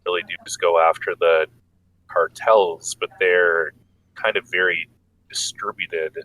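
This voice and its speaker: Low-voiced man explaining with dry wit. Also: fairly even intonation, a little slow, sharp tone, poor audio. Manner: wry, explanatory, hesitant with fillers. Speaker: podcast co-host. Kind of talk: casual political chat.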